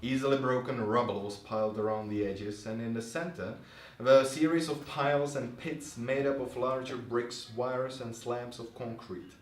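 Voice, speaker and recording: In a bar hosting a live literary reading, a man who is both reader and host reads prose fiction aloud to the audience. His mid-range voice keeps a fairly even intonation at a moderate pace with few pauses. The recording is roomy and distant, with faint noise.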